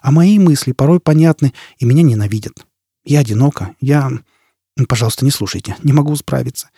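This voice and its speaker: A man's voice: medium pitch, expressive, a little fast, warm tone, breathy edge, dry recording, studio quality. A man voicing a lonely, anxious young woman teacher who talks in a fretful, pleading way.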